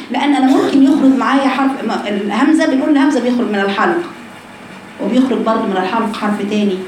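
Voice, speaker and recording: A woman with an Egyptian accent teaching a recitation lesson to women, explaining slowly and voicing letter sounds aloud to demonstrate. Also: on the high side, darkish tone. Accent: Egyptian Arabic. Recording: echoey room with background noise.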